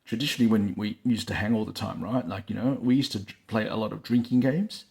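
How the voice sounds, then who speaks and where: On his vlog, filmed with a phone on a stand, a man rambles to camera, laughing a lot and leaning on "like, you know." His voice sits on the low side, quick, creaky, and a little mellow.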